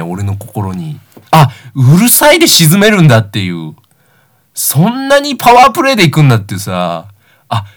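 A nineteen-year-old young man hosts a comedic talk show on his own, rambling through anecdotes and poking fun at himself. His pitch swings widely up and down as he tells his self-deprecating stories.

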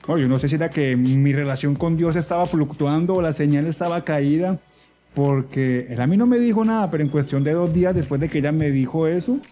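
High-voiced man telling a funny story. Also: a little fast, warm tone, faint music behind. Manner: humorous storytelling with playful voices. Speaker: podcast co-host.

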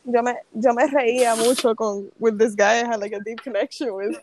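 Puerto Rican woman chatting in fast-switching Spanglish. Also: a little high, fairly even intonation, darkish tone, slight background noise, poor audio. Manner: Spanglish, switching between Spanish and English mid-sentence; slangy. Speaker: podcast co-host. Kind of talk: casual chat.

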